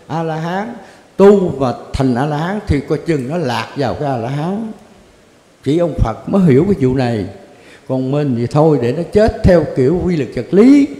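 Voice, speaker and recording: A man's voice: on the high side, dark tone. Older man in an echoey hall. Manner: blunt, colloquial, chuckling asides. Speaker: Zen Buddhist teacher. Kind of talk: answering questions in a Dharma talk. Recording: echoey hall with long reverb.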